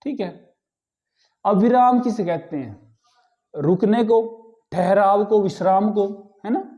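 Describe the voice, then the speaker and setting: A male teacher with a high voice lectures at an unhurried pace. His tone is soft and mellow. He explains patiently and keeps checking that his students follow. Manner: slow, explanatory, repeats checks to the class. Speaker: Hindi grammar teacher. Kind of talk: classroom lecture.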